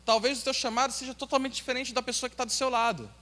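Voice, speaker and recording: A Brazilian pastor with a Brazilian Portuguese accent, preaching an earnest sermon and asking the congregation questions. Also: male voice, very high voice, steady tone, quick pace, pushed and bright. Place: church hall. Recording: long hall reverb.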